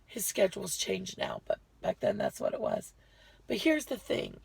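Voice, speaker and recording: Woman, vlogger, very gravelly voice, close dry sound, chatty and rambling, a bit short of breath. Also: mid-range voice, huge pitch swings, normal speed, darkish tone, dry recording. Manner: chatty, rambling, self-correcting. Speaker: lifestyle vlogger. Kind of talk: casual health update to viewers.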